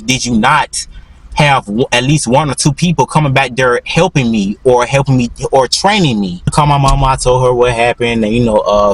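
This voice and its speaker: A man's voice: mid-range voice, poor audio. A young man in his twenties telling a storytime as a vlogger, rambling with constant restarts and repeated "literally". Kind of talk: storytime monologue.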